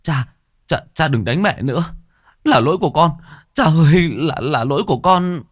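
A man's voice: low voice, animated, slow, creaky, warm tone, breathy edge, no room sound, studio quality, heavily acted. A man voicing a timid, trembling teenage peasant son who stammers as he pleads. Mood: pleading.

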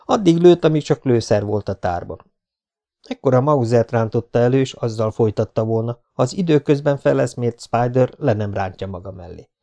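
A man's voice: mid-range voice, lively intonation, gravelly, mellow. A man narrating an action novel as an audiobook, reading with dramatic tension. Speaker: audiobook reader.

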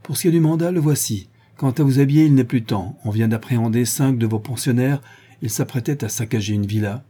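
A man's voice: mid-range voice, fairly quick, warm tone, husky, lightly acted. A man voicing a cold, tense male police inspector who gives curt, commanding orders in an audiobook.

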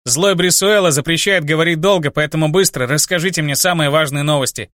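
A man's voice: on the high side, brisk, a bit bright, no echo, lightly acted. Guy doing eager young clan buddy rattling off news, dry close sound.

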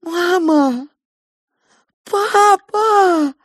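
A shrill eleven-year-old girl in a storybook reading, her voice jumping up high and bursting out loud, as a woman reader puts her on. She sobs and wails through anguished outbursts. The recording is dry and close. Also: drawn-out words, dry recording, heavily acted. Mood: wailing. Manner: wailing, sobbing outbursts.

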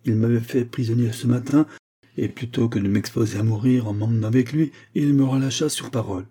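A man reading a young Russian hussar captain who speaks in hurried, hushed urgency in an audiobook. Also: mid-range voice, breathy edge.

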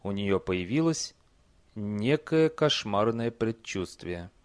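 A man reading a fantasy story aloud as audiobook narrator, measured and even. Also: lowish voice, dry recording. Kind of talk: scripted narration.

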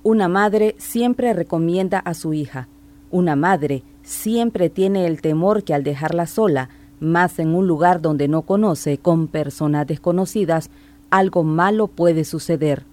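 A woman narrates a radio report in a measured, formal read. Her voice sits low and sounds mellow and warm. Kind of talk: scripted news narration.

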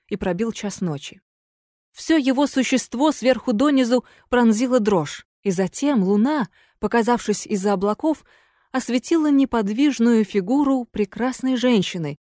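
A woman reading a story aloud as an expressive audiobook narrator. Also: a little high, dry recording, studio quality. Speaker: audiobook reader.

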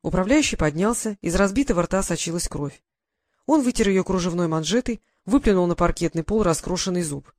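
A man reading a first-person historical story aloud in an even storytelling manner. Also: high-pitched, a little fast, no echo, clean studio sound. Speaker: audiobook narrator. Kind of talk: first-person scripted narration.

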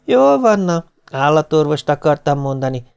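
A man reading an audiobook, voicing an excitable mother who is quick to snap. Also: on the high side, creaky, smooth, highs cut off, voice pushed up. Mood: indignant.

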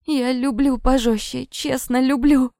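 Woman reading as a scared young woman, begging and teary, voice up high and slow. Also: fairly even intonation, dark tone, no echo, clean studio sound. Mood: broken, sobbing. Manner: pleading, tearful. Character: terrified young woman begging her attackers.

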